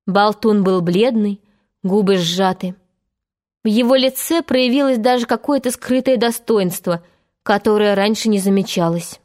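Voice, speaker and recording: A woman narrating a children's storybook aloud in an expressive, steady manner. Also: medium pitch, a little slow. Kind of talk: storybook reading.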